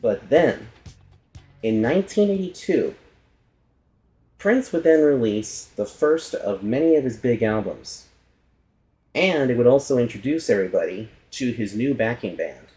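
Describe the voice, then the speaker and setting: A man hosting and narrating a casual documentary about a musician, chatty and quick to correct himself aloud. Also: mid-range voice, expressive, warm tone, soft background music. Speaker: host.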